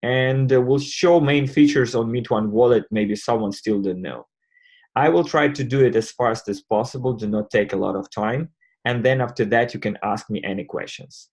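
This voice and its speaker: A man's voice: mid-range voice, a little mellow. Man hosting an online call. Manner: halting, step-by-step explaining. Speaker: host presenting a crypto wallet.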